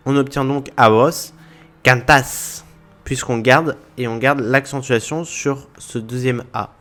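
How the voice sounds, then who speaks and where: A man's voice: mid-range voice, fairly even intonation, a little slow, a bit bright. A man explaining a language point to viewers in a methodical lesson, walking through examples one by one. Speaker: language teacher.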